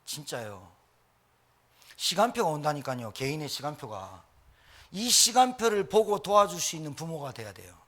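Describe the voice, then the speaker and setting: Animated male pastor preaching. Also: a little high, normal speed. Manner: animated, emphatic preaching with jokes. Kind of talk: sermon.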